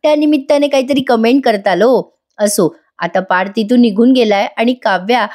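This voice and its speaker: Brief: chatty woman reviewing a serial in voice-over, with a mellow, fairly high voice. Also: normal speed. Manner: chatty, addresses viewers directly.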